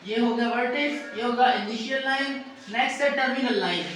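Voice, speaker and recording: A man's voice: very high voice, brisk, a crowd in the background. A male teacher giving a math lesson to a class, patiently asking students to repeat key answers. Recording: echoey classroom from far off, faint noise.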